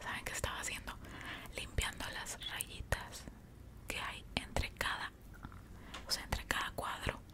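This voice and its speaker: A woman's voice: measured pace, pauses often. Young mexican woman whispering a chatty asmr story, chewing gum right up on the mic. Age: young adult. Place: small indoor room. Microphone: large desktop microphone up close.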